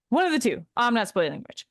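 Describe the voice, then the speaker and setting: A woman's voice: on the high side, no echo, clean studio sound. A woman co-hosting a podcast in casual chat, laughing often as she talks. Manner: giggly, laughs often while talking. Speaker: podcast co-host.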